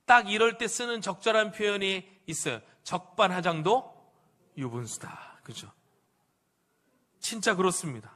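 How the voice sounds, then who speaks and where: Male pastor, animated sermon storyteller, high and bright voice, asks the congregation questions. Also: moderate pace, pauses often. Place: church sanctuary.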